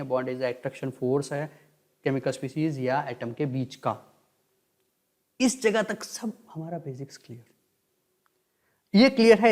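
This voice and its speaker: A man teaching a chemistry lecture in Hindi mixed with English terms. He asks and answers his own questions and dictates notes slowly. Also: fairly high pitch, darkish tone. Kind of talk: online lecture.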